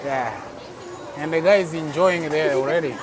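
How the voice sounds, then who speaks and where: Walking through a busy outdoor night food court, a man from Texas narrates his travel vlog casually, frequently exclaiming with wonder. He speaks at normal speed in a slightly high voice, amid crowd chatter and traffic in a noisy street market.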